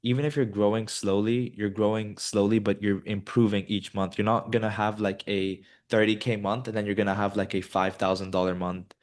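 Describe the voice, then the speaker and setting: A business student from Colombia, in his twenties, appears as a guest and works through casual interview answers in a low, easygoing voice. He thinks out loud, filling his relaxed, rambling sentences with ums and you-knows, and talks briskly with few pauses.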